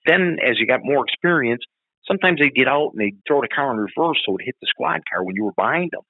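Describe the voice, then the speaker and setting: A middle-aged man, a retired police officer telling stories in an interview, profane and animated. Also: mid-range voice, fast, dry recording, narrow, tinny audio. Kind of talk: storytelling in an interview.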